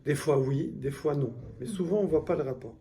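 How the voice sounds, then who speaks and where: A man's voice: a little high, brisk, mellow, slight background noise. A man teaching a classroom lesson, patiently explaining step by step and quizzing his students. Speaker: Hebrew teacher.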